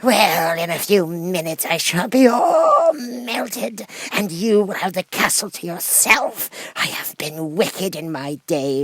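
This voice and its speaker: A man voicing a wicked, cunning old witch in a drawn-out, theatrical delivery for a storybook. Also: sits high, gravelly, a bit bright, no echo, voice pushed up, exaggerated voice. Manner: drawn-out, cackling, wailing delivery.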